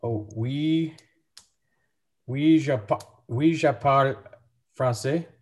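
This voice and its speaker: Halting male beginner on a video call. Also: mid-range voice, a little mellow. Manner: halting with many fillers. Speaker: language student. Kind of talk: hesitant beginner practice.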